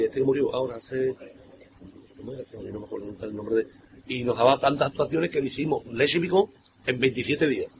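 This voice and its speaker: Rambling older man, brisk. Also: medium pitch, vocal fry. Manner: rambling, colloquial, keeps saying "tío". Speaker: carnival troupe singer. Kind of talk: interview. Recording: noisy ambient background.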